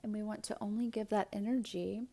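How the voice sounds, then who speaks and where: A woman giving a casual tarot reading, chatty, with fillers and soft whispered asides. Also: mid-range voice, steady tone, gravelly. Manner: slow, thoughtful delivery with fillers. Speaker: tarot and astrology reader.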